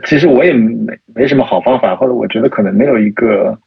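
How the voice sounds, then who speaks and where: Talking quickly in a mid-range voice with creak and a breathy edge, this male researcher is a guest on a relaxed podcast. He works through his thoughts aloud with plenty of fillers and false starts, on an echo-free but dull, lo-fi recording.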